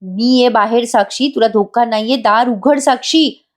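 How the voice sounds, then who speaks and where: A woman reading out the lines of a bold young woman, brisk and insistent. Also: a little high, close to an everyday voice.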